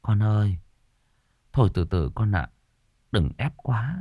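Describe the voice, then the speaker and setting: A man voicing a worried older village mother who speaks softly and stammers while she begs, in a storybook reading. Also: fairly low pitch, expressive, a little slow, dry recording, muffled recording. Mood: pleading. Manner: quiet, stammering, begging.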